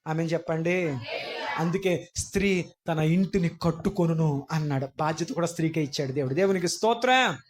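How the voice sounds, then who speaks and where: A male pastor delivers a sermon with a notably high voice. He quizzes his listeners and climbs into fervent, near-shouted declarations. The delivery is emphatic throughout. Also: fairly quick. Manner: questions the congregation, rising to impassioned shouts. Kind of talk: Easter sermon. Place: church hall.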